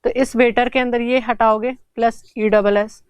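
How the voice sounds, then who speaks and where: A woman's voice: on the high side, level tone, moderate pace, a little mellow, smooth, dry recording, muffled recording. A woman teaching an English grammar lesson for exam prep, explaining step by step and answering her own questions.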